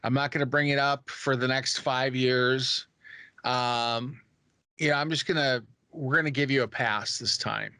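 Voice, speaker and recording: A man on a podcast talking in a thoughtful, reflective way, pausing on fillers. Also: medium pitch, fairly even intonation, sharp tone, dry recording, clean studio sound. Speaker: podcast co-host. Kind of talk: casual podcast chat.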